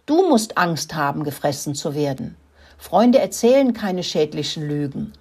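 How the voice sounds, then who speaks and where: A woman's voice: low voice, big pitch swings, unhurried, mellow, husky, heavily acted. A woman voicing an indignant snorting pony. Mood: scolding. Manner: snorting, scolding. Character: indignant female farm pony.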